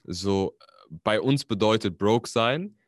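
A man, a podcast guest talking casually, relaxed and slangy, with English words mixed in. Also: lowish voice, slow pace, no echo, studio quality. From Germany. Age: 20s. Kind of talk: casual interview chat.

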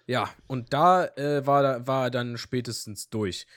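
A young man co-hosting a podcast, telling anecdotes in a lively, slangy way. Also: medium pitch, takes it slowly, no echo, clean studio sound. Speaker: podcast co-host. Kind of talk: casual chat.

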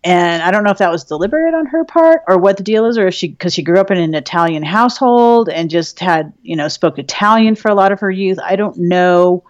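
A woman's voice: on the low side, no room sound, highs cut off. A woman co-hosting a podcast in casual chat, swearing freely and laughing often. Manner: profane, laughing, chatty. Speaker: podcast co-host.

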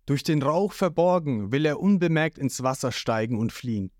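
Low-voiced woman narrating lively. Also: normal speed, no room sound, studio quality. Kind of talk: audio manga reading.

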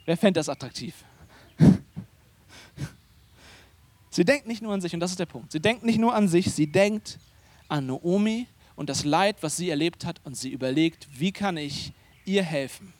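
A man's voice: fairly high pitch, normal speed, pauses often, dry recording. A man preaching a sermon as pastor, speaking conversationally and emphatically, often turning to the congregation with questions. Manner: animated, emphatic delivery.

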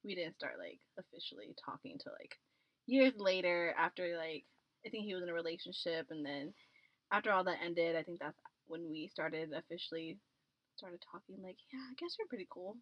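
A woman's voice: fairly low pitch, normal speed, no room sound. An American woman in her twenties telling personal stories as a casual podcast guest, giggly, slangy and self-deprecating, sounding muffled in a closet. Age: 20s. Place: small closet, seated on floor pillows. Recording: muffled, dull closet recording.

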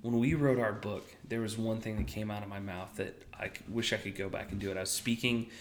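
Here a man co-hosts a podcast, spinning a story in easygoing chat with a lowish, steady voice and a brisk pace. He makes fun of himself and occasionally slips into a whisper for emphasis.

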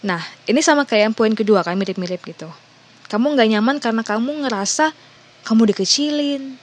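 A woman's voice: a little high, brisk. A woman talking casually and directly to the listener, going through a list of points and reading some of them out. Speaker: advice talker. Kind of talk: casual advice talk to viewers.

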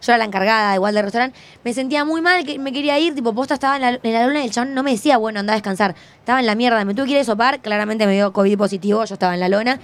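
A woman's voice: on the high side, very fast. A young woman with a Rioplatense Spanish accent, co-hosting a radio show and telling stories emphatically in casual chat. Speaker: radio co-host.

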